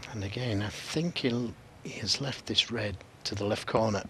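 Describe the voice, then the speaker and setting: A man's voice: fairly low pitch, moderate pace, gravelly, bright, forceful tone, slight background noise. A man co-commentating on snooker in a conversational, analytical way.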